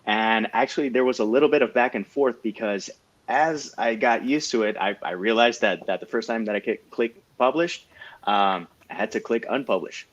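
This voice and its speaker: Male panel host, informal and joking, medium pitch, slightly dull recording. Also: moderate pace. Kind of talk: casual hosting chat. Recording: dull lo-fi sound.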